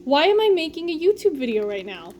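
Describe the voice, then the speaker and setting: A woman's voice: high voice, sing-song, fast, slight background noise. A young woman vlogging while cooking at home, talking casually and rambling with lots of fillers and self-deprecating asides. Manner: breathy, soft narration. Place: home kitchen.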